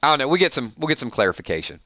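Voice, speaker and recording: A rapid-fire talker from Georgia, USA, this show host rambles and laughs through a casual live stream, reading viewer comments as he chats in a US Southern Georgia accent. His medium-pitched voice is sing-song and sharp, with no echo.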